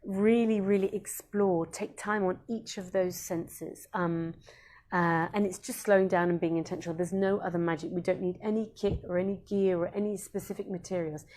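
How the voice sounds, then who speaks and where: A woman who is a Montessori educator, hosting a casual live-stream talk in an unhurried, earnest way with many pauses and ums. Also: lowish voice, fairly even intonation, a little mellow.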